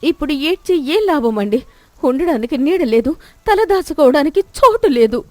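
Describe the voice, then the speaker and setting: A woman's voice: high-pitched, normal speed, a little mellow, no echo, pitched above the performer's own voice, natural voice. A woman voicing a young village wife and mother who scolds her husband. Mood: reproachful. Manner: bitter, reproachful.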